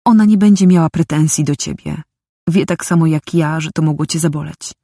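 Audiobook: calm, steady young lover read by a woman, husky, close and dry. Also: sits low, brisk, dry recording. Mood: calm soothing. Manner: calm and sure. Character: young man, steady, tender, persistent lover.

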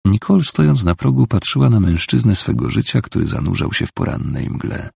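Gravelly, husky male audiobook narrator. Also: lowish voice, sing-song, a little fast, darkish tone, no room sound, studio quality. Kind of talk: scripted novel narration.

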